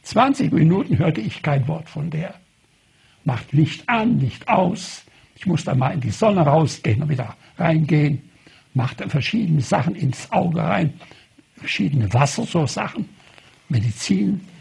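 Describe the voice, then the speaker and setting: An older man tells personal stories in a gravelly, husky voice, with a pitch that leaps up and down. He is a lively storyteller who acts out both sides of each exchange. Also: measured pace. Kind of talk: personal anecdote told to an audience.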